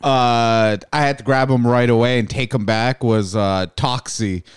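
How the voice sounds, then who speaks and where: A man's voice: medium pitch, fairly even intonation, a little slow, clear, resonant tone, dry recording, studio quality. A man co-hosting a podcast, chatting casually in a rambling way with lots of fillers. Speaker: podcast co-host. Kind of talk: casual chat.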